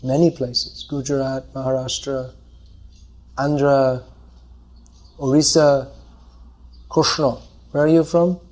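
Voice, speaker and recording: A man's voice: medium pitch, little pitch movement, slow, pauses often, a little mellow. A man leading a scripture class, answering audience questions and explaining by thinking aloud.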